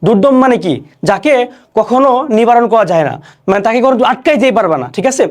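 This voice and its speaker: A young man teaching an online class, explaining each word slowly and repeating questions and answers. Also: very high-pitched, lively intonation. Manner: recites poem lines slowly.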